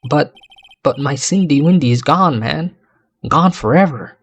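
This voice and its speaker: A man's voice: a little high, animated, unhurried, husky, full character voice. A man doing a whiny lovesick game buddy. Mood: mopey. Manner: whiny, mopey put-on accent.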